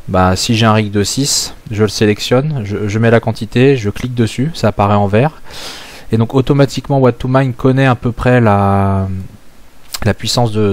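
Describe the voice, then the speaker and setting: Hesitant, low-voiced French man explaining. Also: darkish tone. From France. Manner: hesitant, many filler sounds, thinking aloud. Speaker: crypto mining channel host. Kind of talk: casual screen-share tutorial.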